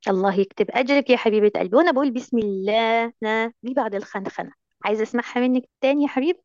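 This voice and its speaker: A woman's voice: fairly high pitch, racing, darkish tone, no echo, highs cut off. A woman teacher with an Egyptian Arabic accent, coaching recitation in an online lesson, coaxing and affectionate, full of endearments.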